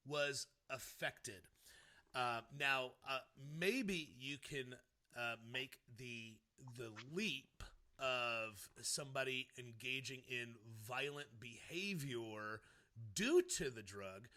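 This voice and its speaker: Slow-talking man with a very bright voice. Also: medium pitch. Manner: halting, repeats words as he builds a point. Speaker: interviewer, host. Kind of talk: interview, conversational opinion.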